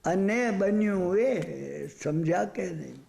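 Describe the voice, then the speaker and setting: A man preaching a storytelling sermon, animated, often turning to the listeners with asides. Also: high voice, slow pace, creaky, echoey room, a little hiss or hum. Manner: animated, rhetorical asides to the audience.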